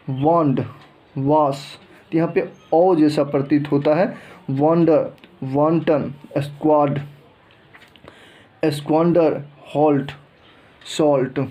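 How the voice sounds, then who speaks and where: A man's voice: fairly high pitch, dark tone. A man teaching English letter pronunciation, reading word lists one by one and often restarting his phrases. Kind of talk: explaining a lesson.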